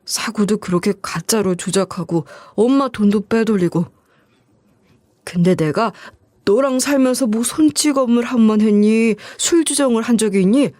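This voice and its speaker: A woman's voice: a little high, moderate pace, warm tone, no room sound, natural voice. A woman voicing a greedy, scornful middle-aged ex-husband who wheedles and sneers in coarse speech. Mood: wheedling.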